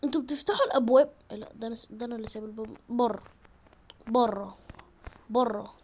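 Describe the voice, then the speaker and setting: A woman with an Egyptian accent giving excitable, chatty gameplay commentary to her viewers from a room at home. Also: a little high, racing, slightly rough. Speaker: gaming YouTuber.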